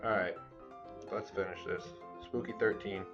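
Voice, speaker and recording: A man's voice: low voice, steady tone, normal speed, over music. Rambling, swearing man, lo-fi vlog sound. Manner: rambling and profane, talks to viewers. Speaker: vlogger. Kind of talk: casual vlog commentary while cooking. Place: home room with cat hair around.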